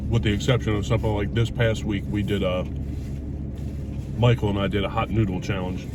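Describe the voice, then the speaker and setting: A man's voice: on the low side, little pitch movement, brisk, recorded from a distance, very noisy. A middle-aged man vlogging in a casual, candid way as he chats over a meal, speaking bluntly and reflectively with some swearing. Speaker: YouTube vlogger. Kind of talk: casual, candid chat to camera and companion while eating.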